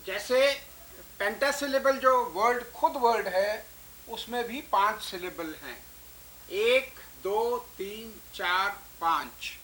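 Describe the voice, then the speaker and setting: Woman, teacher, unhurried, deliberate explaining. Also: a little high, fairly bright tone. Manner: slow, deliberate, spells out and counts syllables aloud. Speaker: English teacher. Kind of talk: explanatory lesson.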